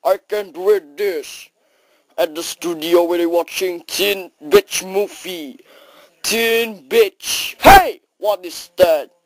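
A woman's voice: on the low side, takes it slowly, no echo, poor audio. A woman acting out an improvised comedy skit in broken English, full of exclamations and sudden switches of voice.

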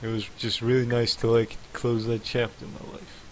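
A man's voice: medium pitch, flat delivery, moderate pace, a little hiss or hum, lightly acted, poor audio. A man reading out a game character's chat messages, a young woman upset about a bad night, in a mostly plain voice. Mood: recounting.

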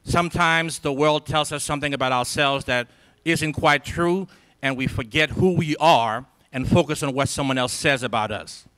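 A Liberian man in his forties, a symposium speaker, delivers a rousing motivational speech to students in a large lecture hall, holding a handheld microphone. His voice sits on the high side at a moderate pace, bright, forceful, clear and resonant, with a preacher-like cadence full of emphatic repetition.

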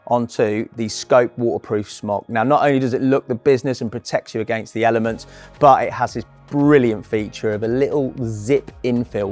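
A man's voice: mid-range voice, darkish tone. A young man gives an upbeat, colloquial product walk-through at a trade show, speaking into a lapel mic. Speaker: product presenter. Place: large indoor trade show hall.

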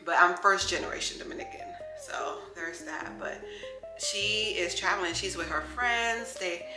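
This New York lifestyle vlogger, a woman in her thirties, chats casually and cheerfully to her viewers from her home kitchen. Her voice is fairly low in pitch at a moderate pace. A camera close on the counter picks her up in an echoey kitchen where faint music plays.

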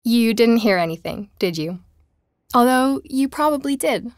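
In an audio drama, an actress voices a curious woman investigator who hosts a podcast, delivering scripted documentary-style narration in a measured, explanatory way. Her mid-range voice is lightly acted and captured dry with studio quality.

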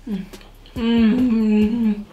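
A woman's voice: a little high, flat delivery, extremely slow, warm tone, highs cut off. A young Australian woman vlogging a mukbang, chatting casually between bites with her mouth full and chewing. She rambles and uses a lot of filler words. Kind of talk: casual chat while eating. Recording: echoey room with music behind. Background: music playing.

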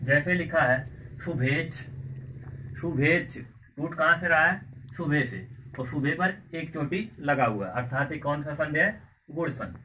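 A man's voice: on the high side, bright, forceful tone. Man teaching a grammar class, far off. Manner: explains slowly, repeats words and asks the class questions. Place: coaching classroom. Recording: far from mic with faint background noise.

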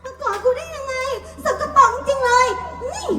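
A woman playing a spiteful young daughter who shouts insults while sobbing on a live folk stage. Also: very high-pitched, big pitch swings, brisk. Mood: furious, sobbing. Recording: echoey live stage, music behind.

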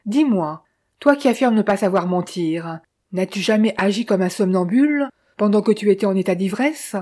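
A stern man laying out his case point by point in an audiobook, read by a woman. He keeps questioning and insisting. His tone is mellow and dark. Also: medium pitch, expressive, normal speed, natural voice. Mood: insistent. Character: stern man pressing his brother to confess.

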